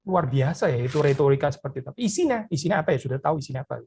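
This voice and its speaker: A man's voice: medium pitch, animated, racing, gravelly, a little mellow, a little hiss or hum. A pastor preaching a sermon in an earnest, conversational way, addressing his listeners directly, tagging phrases with short asides and mixing in English words.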